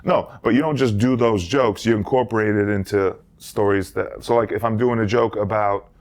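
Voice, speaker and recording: A man from Slovakia, a comedian co-hosting a podcast, talking animatedly in quick runs with frequent restarts. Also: on the low side. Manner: animated, fast storytelling with restarts. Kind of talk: casual podcast chat. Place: New York.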